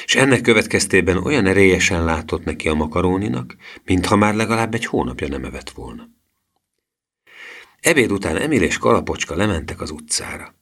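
Male storyteller, very low voice, steady reading. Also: gravelly. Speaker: audiobook narrator. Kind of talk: children's book reading.

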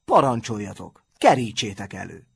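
A man's voice: medium pitch, dry recording, close to an everyday voice. A man doing a taunting schoolboy ringleader. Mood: mocking. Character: defiant, mocking schoolboy gang leader.

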